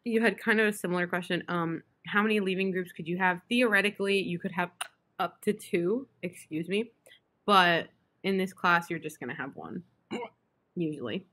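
A woman's voice: lowish voice, normal speed, fairly bright tone. A young woman tutoring chemistry online, hiccuping and breaking off with apologies as she explains. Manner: apologetic, self-interrupting with "excuse me".

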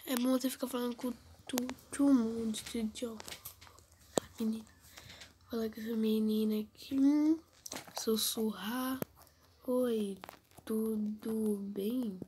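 A teenage girl, who has a cold and talks softly and low, close to a whisper, in casual gameplay commentary. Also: flat delivery, measured pace, long pauses, slight background noise. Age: teens. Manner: speaks softly and low, often near a whisper. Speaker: gamer vlogger.

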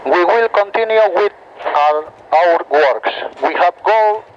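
A man speaking over marine VHF radio as a ship's operator, repeating a formal statement in a careful, halting way. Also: high voice. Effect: marine VHF radio transmission. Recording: muffled radio channel with faint static.

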